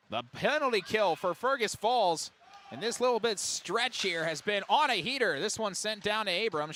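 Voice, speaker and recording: A man calling a girls' high school hockey game as play-by-play announcer on radio, with rapid calls that jump to excited shouts on big plays. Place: ice arena broadcast booth.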